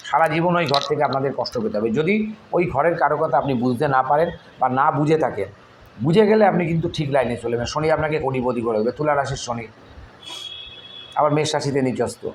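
A man's voice: medium pitch, slight background noise, poor audio. Man chanting mantras and instructing. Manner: chants mantras slowly, then explains spellings and remedies. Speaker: astrologer teaching tantric mantras. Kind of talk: chanted and spoken religious instruction.

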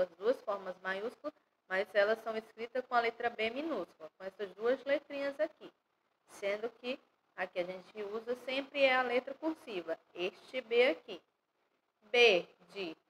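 Slow-spoken Brazilian teacher woman. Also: a little high, a little hiss or hum, low-quality recording. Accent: Brazilian Portuguese. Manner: slow, stresses syllables loudly when spelling. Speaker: first-grade teacher. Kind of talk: online lesson for young children. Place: home or classroom, recorded for an online class.

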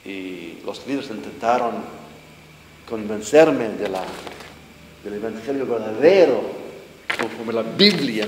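A middle-aged man, giving an earnest, halting testimony sermon to teenagers and searching for words as he goes. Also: fairly low pitch. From Jordan. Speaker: preacher giving his testimony. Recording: echoey hall with long reverb, faint noise.

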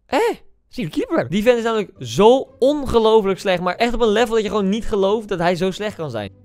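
A man with a raised, boyish pitch keeps up casual commentary on his own football game. He chats to his viewers and mocks his own play. He breaks into loud shouts at goals and misses. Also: sing-song, brisk, soft background music. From Netherlands. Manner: chatty and self-mocking, addressing viewers directly. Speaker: gaming YouTuber.

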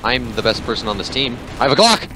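A young man casually commentating his online gameplay, excitable and joking, often yelping when he gets a kill. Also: mid-range voice, fast. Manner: excitable, yelps and jokes. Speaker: gamer. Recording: game music behind.

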